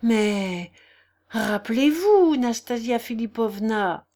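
A woman's voice: on the high side, animated, mellow. A woman voicing a flustered older nobleman who stammers and halts over his words. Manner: stammering, halting.

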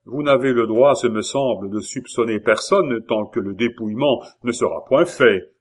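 A noble master of the hunt, pointed and questioning, his voice a touch raised , as a man reads him. He presses the speaker with crisp objections. Storybook reading. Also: medium pitch, normal speed, natural voice. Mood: challenging. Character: challenging noble male huntsman.

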